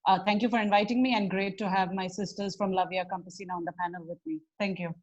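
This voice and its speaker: A woman's voice: mid-range voice, steady tone, fast talker, a little mellow, lo-fi sound. A woman from India introducing herself on an online panel, earnest and fluent, over a video call. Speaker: panelist, program coordinator.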